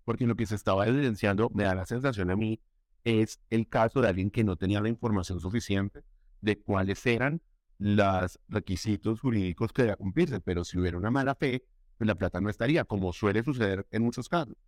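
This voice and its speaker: A male interviewer with a somewhat low voice. He chimes in with short reactions and sums up what his guest says. The recording is dry and close. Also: a little fast, no echo. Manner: brief reactions and summarizing questions. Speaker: interview host. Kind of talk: conversational interview.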